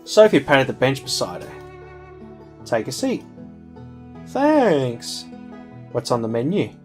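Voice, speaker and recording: A man's voice: medium pitch, sing-song, unhurried, a little mellow, faint music behind. A man playing through a visual novel, reading its text and dialogue aloud in a plain voice and breaking off for joking asides.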